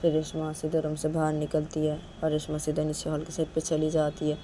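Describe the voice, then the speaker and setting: A woman's voice: sits low, monotone, a little fast, dark tone, a little hiss or hum. A woman narrating a story casually, retelling it plainly and with many repeated links.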